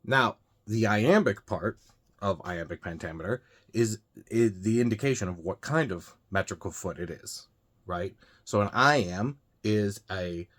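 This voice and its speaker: A man with a low, deep voice talks viewers through poetry vocabulary. His delivery is loose and unscripted, full of small restarts and fillers as he works out his explanations. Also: a bit bright. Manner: loose and unscripted, frequent uh and you know, restarts. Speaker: host of a reading channel. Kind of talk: casual explainer talk.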